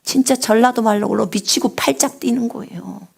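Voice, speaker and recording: A woman missionary preaching a live sermon on prayer, with a big resonant singer's voice, asking the congregation questions and swinging from loud cries to hushed whispers. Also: fairly high pitch, moderate pace, vocal fry, breathy edge. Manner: asks the congregation questions and answers them.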